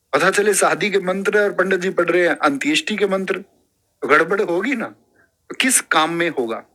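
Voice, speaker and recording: Bright, lively male teacher. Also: high voice. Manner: lively, lecturing, repeating terms aloud and reciting verse. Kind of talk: classroom lecture. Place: classroom.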